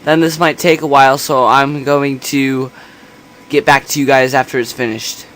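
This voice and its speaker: A man giving a casual software tutorial in a quiet, understated voice, kept a little back from the microphone. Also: medium pitch, level tone, moderate pace. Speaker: tutorial host. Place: indoors at a computer. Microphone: separate microphone, not held close. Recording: noisy room hum, quiet separate mic.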